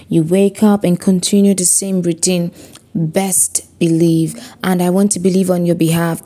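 A woman speaks to her viewers in a motivational vlog, warm and mellow in tone. She preaches with emphasis, hammering phrases again and again. She also poses rhetorical questions to the listener. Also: mid-range voice. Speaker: motivational vlogger. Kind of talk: motivational talk to camera.

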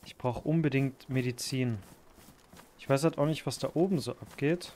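A man commenting on his own survival gameplay, thinking aloud, swearing and breaking into sudden loud outbursts. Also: medium pitch, moderate pace, a little hiss or hum. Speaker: gaming YouTuber.

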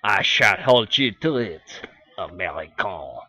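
A man's voice: on the low side, expressive, slow pace, pushed and bright, voice pushed down, heavily acted. A man doing a haughty French tank girl. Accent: fake French. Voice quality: exaggerated put-on accent.

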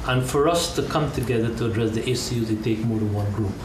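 Earnest pandit in a roomy studio. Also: male voice, mid-range voice, fast talker, recorded from a distance, noisy background. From Guyana. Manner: earnest, repeating key phrases. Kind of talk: studio talk show interview. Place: TV studio set, seated on sofa.

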